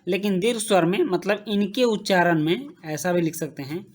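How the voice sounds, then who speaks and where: A woman teaching a grammar lesson, slowly repeating each term as she writes and checking in with her students. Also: fairly low pitch, darkish tone. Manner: slow, repeats terms while writing, checks in with "ठीक".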